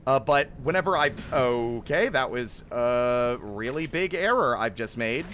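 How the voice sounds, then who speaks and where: A man's voice: mid-range voice, animated, measured pace, a bit bright, slight background noise. A man live streaming a game, chatting informally with his viewers and often interrupting himself. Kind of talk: casual live stream chat while playing.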